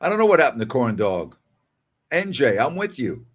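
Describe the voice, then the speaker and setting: With a sing-song, mid-range voice at normal speed, an older man runs a casual sports call-in show. He reads out listener messages conversationally, leaning on emphasis and repeating phrases.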